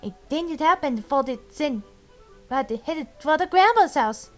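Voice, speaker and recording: Halting high-voiced woman retelling a fairy tale. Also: animated, soft background music. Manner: halting, meandering, with restarts. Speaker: storyteller.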